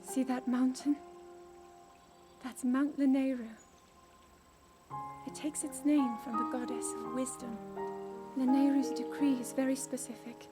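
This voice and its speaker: Earnest, high-voiced teenage princess. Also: female voice, little pitch movement, a little slow, long pauses, over music. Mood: solemn, hopeful. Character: earnest, burdened sixteen-year-old princess, regal and yearning. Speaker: voice actor. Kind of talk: dramatic video game cutscene acting.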